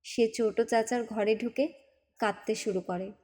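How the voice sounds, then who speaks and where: A woman narrating a novel as an audiobook in a calm, unhurried storytelling manner. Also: on the high side.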